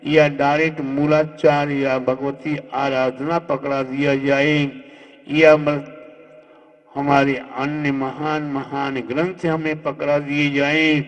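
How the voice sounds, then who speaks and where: A man's voice: fairly high pitch, little pitch movement, takes it slowly, lo-fi sound. A man, a Jain monk, giving a devotional sermon, fondly addressing his listeners with rhetorical questions and sometimes slipping into a chanting lilt. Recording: long hall reverb.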